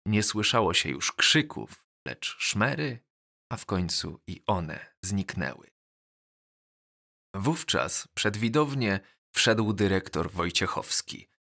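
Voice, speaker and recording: Slow, bright-voiced male audiobook narrator. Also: lowish voice, expressive. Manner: measured, deliberate reading. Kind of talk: scripted first-person audiobook narration.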